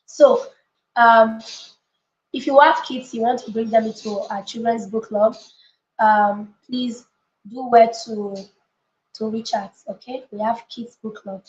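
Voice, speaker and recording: A woman with a somewhat high, steady voice talks at a measured pace with long pauses. As a coach and book club leader hosting a live session, she teaches motivationally and chats informally with viewers, speaking emphatically, repeating key phrases and checking in on listeners. The room echoes and the lo-fi audio sounds slightly dull.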